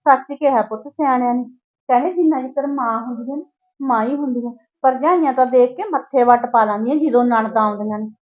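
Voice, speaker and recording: A woman's voice: on the high side, fast talker, natural voice. A woman playing a protective mother who scolds her daughter-in-law and defends her own daughter, with a Punjabi accent. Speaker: mother and neighbour. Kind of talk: village short-film acting. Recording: dull, lo-fi sound.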